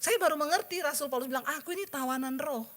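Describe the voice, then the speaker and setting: A woman pastor with a high, bright voice preaches in a lively storytelling manner. She acts out the dialogue in her story and keeps turning to address the congregation. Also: fast talker. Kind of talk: sermon with personal testimony.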